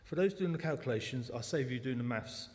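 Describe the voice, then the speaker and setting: A man in his forties with a South London accent gives a personal testimony from a church front, chatty and quick to joke at his own expense. His voice sits at an ordinary pitch for a man and carries a long reverb from the church hall. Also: animated, darkish tone. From South London, England. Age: 40s. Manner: chatty, self-deprecating jokes. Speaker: lay speaker at a church service.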